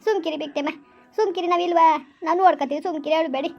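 An older village mother-in-law, as a woman plays her, keeps insisting she will look after everyone. The voice is very high and pressing. This is a homemade village family drama. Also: rapid-fire, gravelly, darkish tone, lo-fi sound. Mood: consoling. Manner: insistent reassuring.

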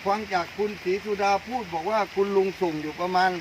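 Eager high-voiced man interviewing a farmer. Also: quick pace, a little hiss or hum, rough recording. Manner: eager, repeats the farmer's answers back. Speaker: interviewer, fertilizer brand owner. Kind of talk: promotional field interview. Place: outdoors in a coconut orchard in the rain.

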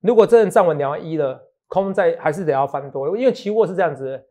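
Fast-talking chatty male stock analyst. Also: on the high side, expressive, warm tone. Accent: Taiwanese Mandarin. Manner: chatty, teasing, jokes and laughs often, asks "好不好". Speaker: stock market analyst host. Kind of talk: casual market talk show chat.

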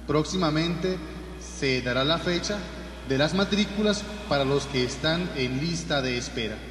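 A man, a priest, leading mass and reading parish notices in a slow, measured liturgical way, his voice ringing in a cathedral echo. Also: a little high, fairly bright tone, slight background noise. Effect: cathedral echo, long church reverb. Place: large church. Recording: echoey church hall from far off, faint music.

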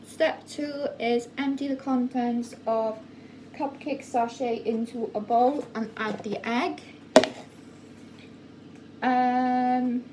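A young woman in her twenties talking casually through a baking tutorial in a home kitchen, halting often with fillers and self-corrections. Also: high voice, noisy background. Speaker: vlogger. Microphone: phone camera at a distance.

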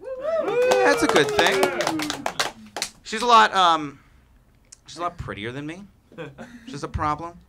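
A young man performs stand-up with a high, swinging voice that climbs and drops as he acts out the people in his stories. The room is noisy around him. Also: slow pace, pauses often. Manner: animated, acts out quoted voices, laughs mid-line. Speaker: stand-up comedian. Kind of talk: stand-up comedy set. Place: barbershop before a live audience.

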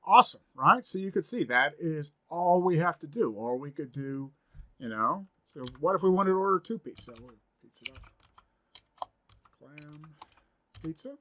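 A man's voice: a little high, expressive, measured pace, a bit bright. A man in his forties giving a screen-recorded coding tutorial from a home office, thinking aloud as he types, upbeat and chatty. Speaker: programming instructor.

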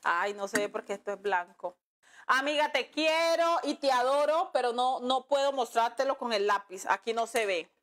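A woman's voice: on the high side, animated, normal speed, fairly bright tone. A woman teaching a nail class on a live stream, chatting with her viewers and calling them love and friend as she reads their comments. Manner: chatty, calls viewers "mi amor" and "amiga". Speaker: nail art instructor.

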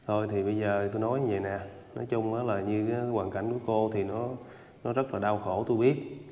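A man hosting a ghost-hunting drama, questioning a spirit calmly and patiently. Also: on the low side, a little fast. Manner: calm, patient questioning with short assents. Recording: echoey hall.

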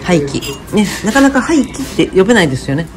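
A woman's voice: mid-range voice, fairly quick, a crowd in the background. A woman with a chatting and teasing her companion on a casual walking vlog. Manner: chatty, teasing, lively dialect banter. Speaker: travel vlogger.

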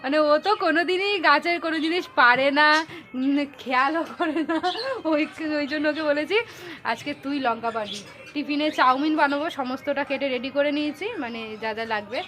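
A woman's voice: high voice, bright, forceful tone. Chatty young woman vlogging. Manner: fast, chatty, teasing family asides. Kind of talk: casual home vlog chat. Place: family home kitchen and garden.

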